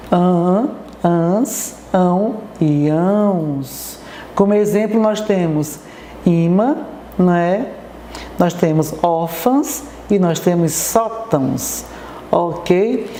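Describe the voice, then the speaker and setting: Brief: Brazilian woman teacher, TV lesson, mellow low voice, patient and checking in often, echoey room. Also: a little hiss or hum. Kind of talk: TV classroom lesson.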